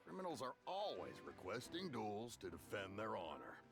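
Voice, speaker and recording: A man voicing a weary, jaded onlooker in a video game, with a gravelly voice. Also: fairly low pitch, wildly swooping pitch, moderate pace, music in the background, full character voice.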